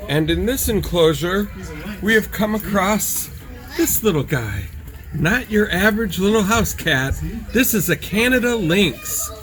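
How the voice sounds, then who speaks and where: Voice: mid-range voice, animated, unhurried, a bit bright. A travel vlog host narrating animal sightings casually, in an awed, exclaiming manner. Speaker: host of a travel video channel. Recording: music behind the voice. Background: music.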